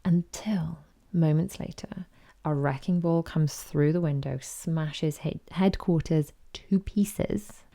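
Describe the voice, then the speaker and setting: Brief: woman podcast host, chatty storyteller, low and gravelly, mellow tone. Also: slow pace. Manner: chatty, animated retelling with quoted voices. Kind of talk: casual chat.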